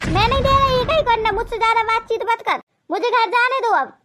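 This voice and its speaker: A cunning village sister-in-law snaps back in a country dialect, played by a woman. The cartoon voice is extremely high and squeaky. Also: fairly bright tone, slight background noise. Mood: defensive. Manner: defensive and quick-tempered, village dialect. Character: sly village sister-in-law, a cunning dung-cake thief. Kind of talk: cartoon voice acting.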